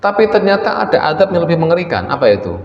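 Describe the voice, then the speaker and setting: A man's voice: a little high, very animated, fast, slight background noise. A male preacher gives a folksy, conversational mosque lecture, speaking to his listeners directly and slipping in words. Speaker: preacher teaching a religious study circle. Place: mosque hall. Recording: echoey dull mosque hall recording.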